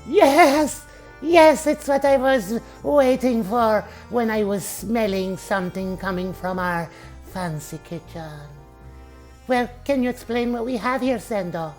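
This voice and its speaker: A woman's voice: on the high side, takes it slowly, a little mellow, faint music behind. A woman playing a gushing shark wife. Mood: eager. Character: doting glamorous female shark wife. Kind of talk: comedy sketch acting.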